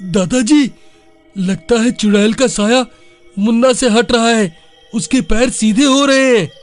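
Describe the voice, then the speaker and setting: A man's voice: extremely high pitch, unhurried, faint music behind. A man voicing a jittery young village man in a cartoon story, panicky and slangy.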